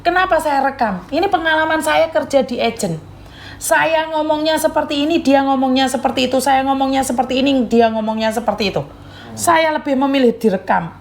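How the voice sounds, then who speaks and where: A woman's voice: sits high, slight background noise. A woman host, sternly lecturing her audience and repeating warnings. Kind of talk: lecturing live chat.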